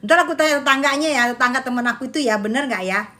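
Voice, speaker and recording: A woman's voice: sits high, fast, pushed and bright. A woman chatting casually in gossip style, laughing a lot and exclaiming often in slangy talk. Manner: uses Jakarta slang. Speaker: gossip vlogger. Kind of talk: casual gossip chat reacting to viewers.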